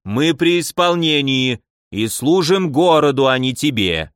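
A man voicing a stubborn middle-aged guard sergeant in an audiobook, talking in a slow, measured, insistent way. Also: fairly high pitch, big pitch swings, fairly bright tone, dry recording, studio quality. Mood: indignant.

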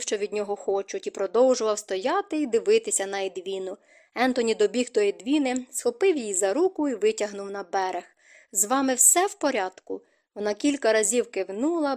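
A woman narrating an audiobook as scripted narration, in an expressive reading. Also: a little high.

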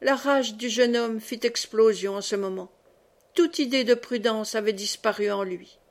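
A woman reading a novel aloud as an audiobook narrator, in a steady, measured way. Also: on the high side. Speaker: audiobook reader.

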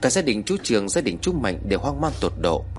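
A man narrating a ghost story in a dramatic, expressive manner. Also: mid-range voice, brisk.

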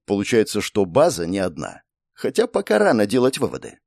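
A man narrating a first-person fantasy audiobook in an expressive storytelling manner. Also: on the low side, brisk, gravelly, slightly rough, dry recording, studio quality.

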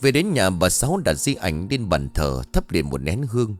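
A man narrating a scripted ghost story in an expressive, dramatic storytelling manner. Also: deep voice, normal speed. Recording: dry close studio voice over faint music.

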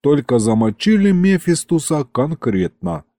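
A man doing a gruff, slangy imp henchman. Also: on the high side, big pitch swings, unhurried, mellow, no room sound, clean studio sound, pitched above the performer's own voice. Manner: gangster slang, clipped.

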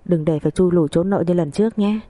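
A woman voicing a defiant, sharp-tongued young wife who answers back coolly and cuttingly. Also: lowish voice, quick pace, dry recording, close to an everyday voice. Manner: cool, mocking, cutting.

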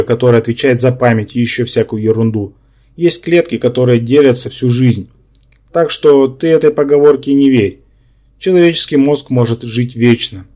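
A man's voice: medium pitch, darkish tone, natural voice. A man voicing a male brain-polyp symbiont who lectures and argues, in an audiobook. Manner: lecturing, quick to take offence.

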